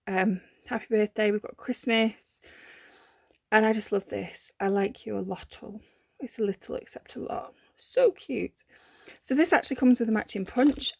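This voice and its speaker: A woman from the UK chats through a craft unboxing with a gravelly, creaky edge to her mid-pitched voice. She gushes over each item, filling gaps with ums and correcting herself as she goes. The sound is close and dry, with no room echo. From United Kingdom. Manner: chatty and gushing, with many ums and self-corrections. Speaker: papercraft vlogger. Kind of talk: casual unboxing chat.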